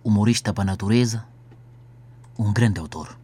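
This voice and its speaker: A man's voice: on the low side, moderate pace, warm tone, breathy edge. A man talking earnestly on the radio in a rambling way.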